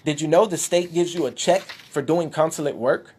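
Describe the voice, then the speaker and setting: Showing documents to his followers, this speaker delivers a preachy, emphatic monologue in a mid-range, slightly mellow voice at moderate pace, at times exclaiming and sounding winded and out of breath. A little hiss or hum runs underneath.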